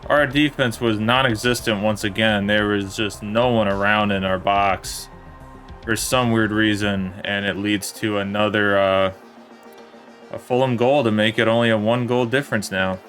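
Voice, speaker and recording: Low-voiced man commentating his game. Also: moderate pace, soft background music. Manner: plain, steady play-by-play with mild disappointment. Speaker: gaming commentator.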